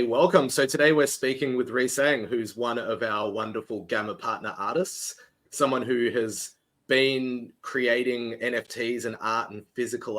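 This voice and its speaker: Low-voiced male interview host. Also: fairly bright tone. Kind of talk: podcast interview.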